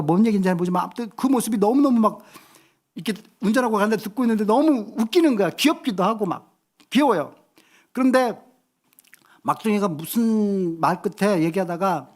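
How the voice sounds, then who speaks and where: Man preaching in chatty storytelling. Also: a little high. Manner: lively colloquial storytelling. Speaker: pastor. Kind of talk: sermon. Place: church.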